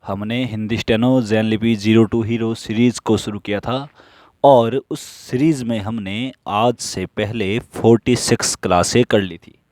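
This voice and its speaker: A man teaching stenography in a slow classroom style, who asks questions and answers them himself while repeating the rules. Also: on the low side, steady tone, a little mellow, no room sound, studio quality.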